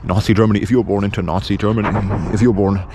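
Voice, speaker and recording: Very fast-talking British man, bluntly insistent. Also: on the low side, steady tone, noisy background. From England. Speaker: video presenter. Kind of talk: unscripted opinion monologue.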